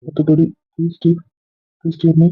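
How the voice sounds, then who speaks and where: A man's voice: on the high side, completely flat delivery, normal speed, breathy edge, dry recording. A man playing a pleading, insecure young lover. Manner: pleading, coaxing, repetitive. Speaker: husband or boyfriend. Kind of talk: Tamil audio drama acting. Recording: tinny phone-like recording.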